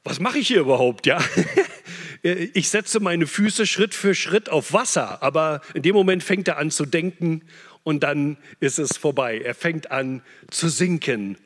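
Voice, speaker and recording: An impassioned male preacher delivering a sermon, rising to loud, urgent peaks and dropping to hushed, low phrases. His voice sits a little high for a man. Long reverb trails every line in a large church hall. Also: unhurried.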